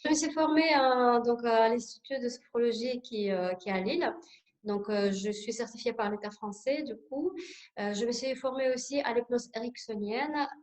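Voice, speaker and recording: A Russian-accented woman in her forties runs an introductory relaxation workshop, her voice sitting slightly high. She explains step by step, often hesitating with fillers as she searches for her words. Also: normal speed. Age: 40s. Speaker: sophrology instructor.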